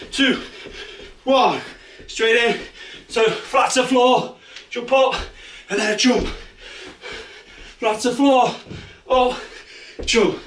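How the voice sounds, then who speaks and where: A man's voice: very high-pitched, fairly bright tone, slight background noise. A man, out of breath, coaching a follow-along home workout with urgent encouragement and countdowns. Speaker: fitness instructor. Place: small space at home. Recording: echoey room, far from mic.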